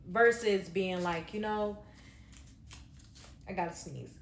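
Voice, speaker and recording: Speaking slowly in a gravelly, fairly low voice, a woman offers a casual reaction review of a reality show. She's blunt and rambling, using lots of fillers and some profanity. The recording is reverberant, with slight background noise.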